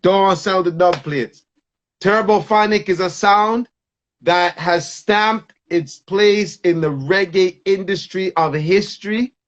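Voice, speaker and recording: A man's voice: high-pitched, slow pace, lo-fi sound. A man hosting a live stream. He pleads with insistent repetition over an online call, and his audio is choppy and keeps breaking up. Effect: choppy, breaking-up internet connection. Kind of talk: casual live-stream chat. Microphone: online video call.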